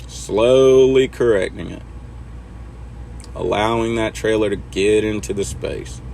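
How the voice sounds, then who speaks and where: A man's voice: lowish voice, fairly even intonation, slow pace, creaky, a little mellow, slight background noise. A man talking casually through a trucking simulator as he teaches backing, laid-back and chatting to himself as he drives. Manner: laid-back, talks to himself while driving. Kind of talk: casual instructional commentary over gameplay.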